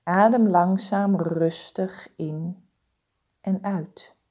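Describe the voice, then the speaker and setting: A woman leading a guided body-scan meditation, giving calm, soothing, deliberate instructions with pauses. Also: lowish voice.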